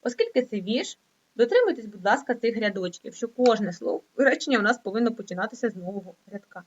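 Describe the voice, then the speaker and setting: A middle-aged woman teaching an online lesson to young children, reading slowly and in a sing-song way. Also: expressive. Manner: slow, sing-song reading with rising pitch. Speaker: primary school teacher. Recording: dull lo-fi recording.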